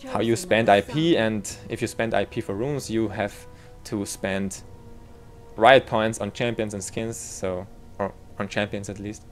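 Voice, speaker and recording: A man's voice: fairly low pitch, steady tone, unhurried, faint music behind. A man from Austria with an Austrian German accent gives a casual game tutorial, rambling a little and correcting himself as he works out the numbers.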